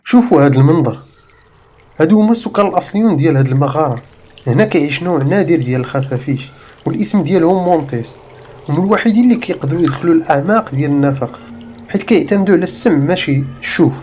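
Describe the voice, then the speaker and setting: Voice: mid-range voice, expressive, very fast, mellow, a little hiss or hum. A narrator with a Moroccan accent reading a scripted documentary-style voice-over for a travel vlog. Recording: music behind the voice.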